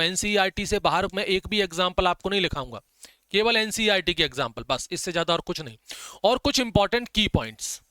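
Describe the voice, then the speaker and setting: A man gives a biology lecture for exam prep, dictating notes and drawing out key terms slowly so students can copy them. His voice sits high and comes through clear and smooth. The recording is dry and close, with no room sound. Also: pushed and bright, dry recording. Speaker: biology teacher.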